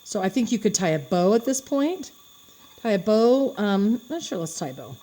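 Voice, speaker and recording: A woman's voice: mid-range voice, very animated, normal speed, dark tone. A woman giving a step-by-step craft demonstration, chatting and thinking aloud as she works with her hands. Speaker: craft instructor.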